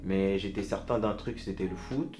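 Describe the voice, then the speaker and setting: Guy from togo chatting in an interview, kinda low voice, lots of "euh" and "you know", music underneath. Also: normal speed, a little mellow. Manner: hesitant, fills with "euh" and "tu vois". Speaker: guest musician. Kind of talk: casual interview chat.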